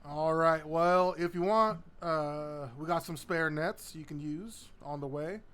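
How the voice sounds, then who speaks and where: A man voicing a brisk southern woman ship captain, with a put-on Southern US drawl. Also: fairly high pitch, a bit bright, clean tone. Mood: businesslike. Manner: drawling, uses y'all.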